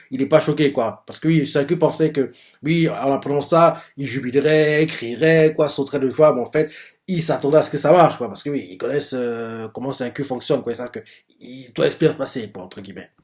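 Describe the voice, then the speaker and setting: A man's voice: mid-range voice, fairly quick, a little mellow. A man hosting a live manga reaction stream, talking through each page as he reads it and thinking aloud, full of hesitations and filler words. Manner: hesitant, explains as he goes, filler-heavy with frequent "euh" and "en gros"; reads other people's lines aloud in his own voice, summarizing. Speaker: manga reaction channel host.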